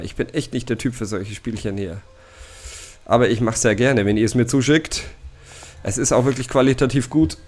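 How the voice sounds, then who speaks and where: A man voicing live commentary over a horror game at his desk mic. He sounds jittery, addresses his viewers and lets out frequent scared gasps, with a voice of ordinary middle pitch. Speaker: let's play gamer.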